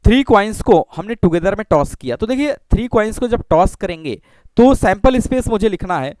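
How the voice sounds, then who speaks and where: A man teaching a maths lesson. He explains slowly, repeats himself and keeps checking in with "okay" and rhetorical questions. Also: high-pitched, lively intonation, darkish tone, a little hiss or hum. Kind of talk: classroom lecture.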